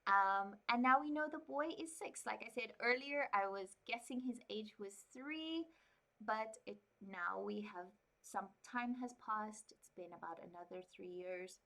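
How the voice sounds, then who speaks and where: A woman's voice: medium pitch, measured pace, pushed and bright. A woman streaming an unrehearsed book reading with casual commentary to viewers, stumbling and correcting herself as she goes. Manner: stumbling cold reading, slips and self-corrects.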